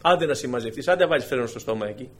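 A man preaching a sermon in a conversational, animated way, with sudden emphatic bursts, often addressing his congregation as dear brothers. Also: medium pitch.

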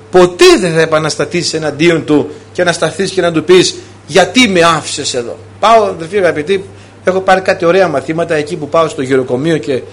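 A man with a notably high voice preaches, throwing out one rhetorical question after another. He acts out little conversations as he speaks, switching voices to make his point. It is a lively, pastoral way of talking. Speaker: priest. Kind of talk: sermon.

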